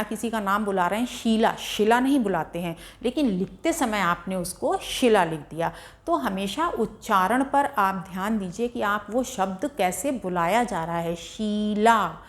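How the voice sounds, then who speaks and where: A woman teaching Hindi grammar, explaining vowel sounds and stretching each vowel out to demonstrate its length. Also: medium pitch. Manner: slow, drawn-out vowel demonstrations. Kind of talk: classroom lesson explaining pronunciation.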